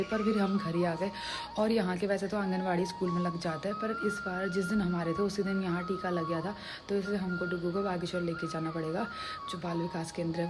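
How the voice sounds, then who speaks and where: A woman in her twenties from the Uttarakhand hills with a Pahadi Hindi accent, chatting homely and step by step through her family's day in a vlog. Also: lowish voice. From Uttarakhand hills, India. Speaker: family vlogger. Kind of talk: casual daily-life vlog narration. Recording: background music under the voice.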